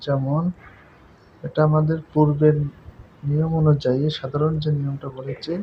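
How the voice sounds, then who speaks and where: A man's voice: fairly high pitch, flat delivery, normal speed. A man explaining a grammar lesson patiently, repeating points and checking that listeners follow. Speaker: teacher. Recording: dull lo-fi recording with faint noise.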